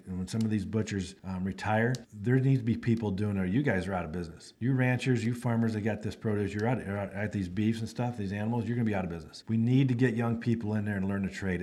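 A man's voice: on the low side, warm tone. A man hosting a podcast, talking in a folksy, emphatic monologue full of repeated phrases. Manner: acts out phone calls in quotes. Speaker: podcast host. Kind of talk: casual monologue.

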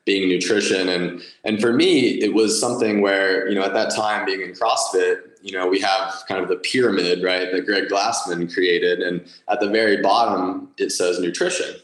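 A man's voice: sits low, steady tone, normal speed, hardly any pauses, fairly bright tone, echoey room, low-quality recording. A man in his late twenties, a business founder being interviewed for a podcast, who talks with enthusiasm, with many fillers and restarts. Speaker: guest, nutrition company founder.

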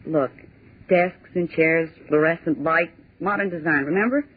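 A low, breathy female voice comes through a tinny 1940s radio broadcast. The actress portrays a sarcastic, brash young office typist who scoffs, bosses people around and answers back fast.

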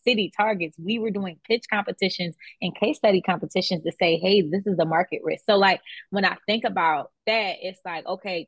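A woman's voice: lowish voice, no room sound, rough recording. A woman in her twenties, a beauty business founder, talking casually as a guest and tagging her points with "like" and "right?". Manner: conversational, many "like" and "right?" tags. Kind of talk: casual interview chat.

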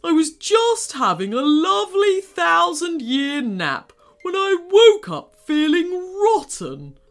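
A woman's voice: very high voice, big pitch swings, slow pace, soft background music, pitched above the performer's own voice, exaggerated voice. A woman voicing a huge, grumpy, miserable volcano with a stomachache, in a storybook reading. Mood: grumbling. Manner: grumbling, miserable, sighing.

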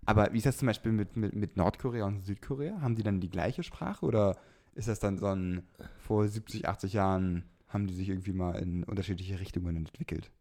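A young man with a fairly low voice who talks quickly. He co-hosts a relaxed podcast chat, asking eager questions and chiming in often. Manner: quick, curious questions and frequent backchannels. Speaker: podcast co-host. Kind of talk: casual chat.

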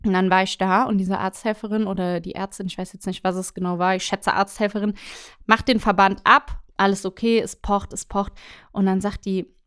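A young woman in casual chat, telling anecdotes in a lively, colloquial way with frequent tag questions. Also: medium pitch, brisk, clear, resonant tone. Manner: chatty, animated, colloquial, many tag questions.

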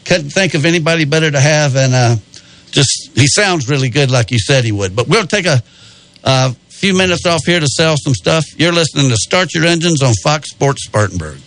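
A man hosting a sports radio show, talking casually in a halting, folksy, appreciative way. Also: on the high side, lively intonation, fairly bright tone, dry recording, poor audio. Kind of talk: casual live interview and show talk.

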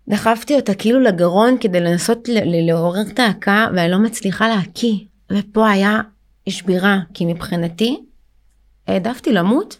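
Young woman guest, gravelly edge, halting personal testimony with lots of restarts. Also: mid-range voice. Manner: halting, full of fillers and restarts. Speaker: interview guest.

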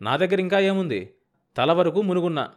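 A man's voice: high-pitched, animated, fairly quick, voice pushed up. A man voicing a shrewd, stubborn middle-aged village farmer who talks bluntly and pushes hard. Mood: evasive. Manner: blunt, pushy and insistent.

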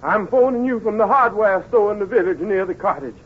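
High-voiced man, husky, aggrieved tenant, 1950s radio comedy, muffled recording. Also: expressive, a little fast. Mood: indignant. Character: aggrieved cottage renter phoning his landlady.

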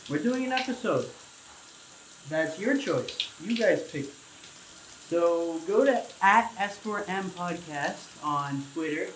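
A man's voice: sits high, reverberant, slight background noise, poor audio. A man talking while showering, giving a casual podcast intro as its host, with water running around him.

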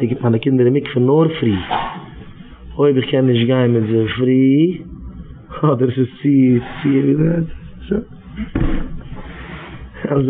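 A man's voice: mid-range voice, slight background noise. A man giving an informal religious talk, exhorting his listeners and repeating his phrases again and again. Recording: tinny phone-like radio recording.

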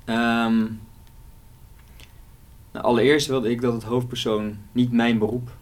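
A man's voice: medium pitch, flat delivery, slow pace. A man, an author, talking through his novel in a casual interview, hesitant and full of fillers. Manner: hesitant, many fillers and restarts.

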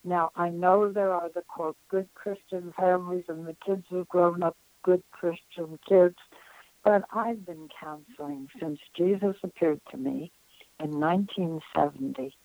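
An elderly woman in her nineties speaks as an interview guest, recounting a spiritual experience. Her voice sits low and warm, and she talks very slowly with many pauses. The sound is dry and close, with no room around it. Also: fairly even intonation, no echo, phone-quality sound. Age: 90s. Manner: earnest, reflective, with frequent pauses.

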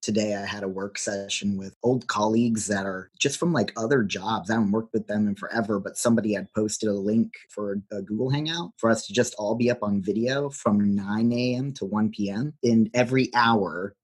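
Man, lowish and husky, casual storyteller on a call. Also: steady tone, a little fast, few pauses. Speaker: participant at a virtual meetup. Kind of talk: casual chat at an online group call. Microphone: video call.

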